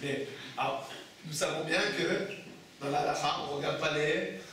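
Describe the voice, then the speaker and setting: With a steady tone and moderate pace, a man whose voice sits on the high side, a rabbi, teaches Torah, asking his students questions and answering them himself. He goes over texts with repeated phrases and restarts; the echoey room, distant mic and background noise are audible.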